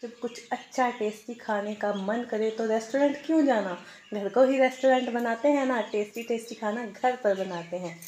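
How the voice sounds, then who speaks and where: A woman's voice: fairly high pitch, normal speed, a little mellow, slight background noise. A middle-aged woman hosting a home cooking channel, narrating a recipe step by step in a friendly, instructive way.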